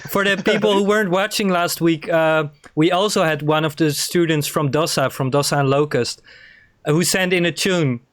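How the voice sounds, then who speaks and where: A man's voice: on the high side, normal speed, dry recording. A man co-hosting a music show, chatting casually in a laid-back, jokey way. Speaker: show co-host. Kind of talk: casual chat.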